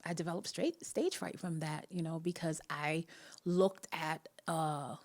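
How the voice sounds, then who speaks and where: Speaking a little slowly in a deep, steady voice, a Jamaican-accented woman hosts a live online talk. Her personal storytelling is chatty and earnest with a motivational bent, and she frequently laughs between phrases.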